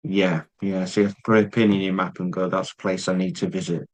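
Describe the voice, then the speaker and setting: A man's voice: sits low, flat delivery, a little fast, rough recording. A man, interviewing a guest in a casual, jokey, self-deprecating way. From England.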